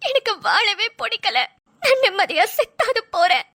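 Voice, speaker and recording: A woman's voice: very high voice, very animated, normal speed, sharp tone, dry recording, studio quality, heavily acted. A woman voicing a tearful, despairing young wife and mother who wails her pleas in a cartoon. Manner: sobbing, wailing pleas. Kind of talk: dubbed cartoon voice acting.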